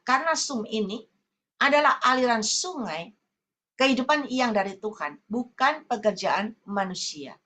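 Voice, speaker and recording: A woman evangelist preaching a sermon over a video call, swinging between loud emphasis and low asides. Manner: addresses listeners as brothers and sisters often.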